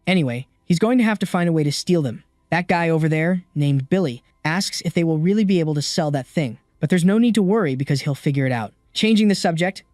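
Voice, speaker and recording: A man's voice: on the high side, darkish tone, no room sound, clean studio sound. A man narrating a comic story recap in a scripted way, adding chatty asides to the listener.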